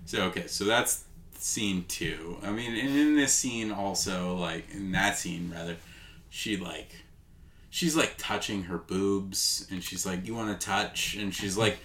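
In an unhurried, low voice with a fairly bright tone, a man co-hosts a casual podcast about movies. He wanders from point to point, using many fillers like "like" and "um."

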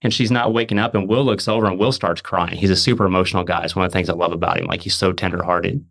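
Earnest low-voiced man telling a testimony. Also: fairly even intonation, vocal fry, a bit bright. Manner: emphatic, fast and repetitive restarts. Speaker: podcast host.

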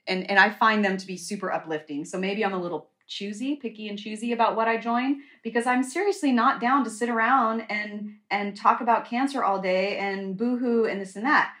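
Blunt, animated woman telling stories. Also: mid-range voice. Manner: animated, blunt, swears freely. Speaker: guest. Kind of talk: casual storytelling.

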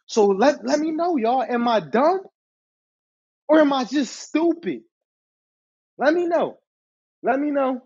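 A man's voice: very high voice, very animated, takes it slowly, long pauses, a little mellow. A man hosting a podcast episode from his apartment, telling an exasperated, profane story and talking directly to his listeners. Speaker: podcast host. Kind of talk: storytime rant. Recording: dull lo-fi recording.

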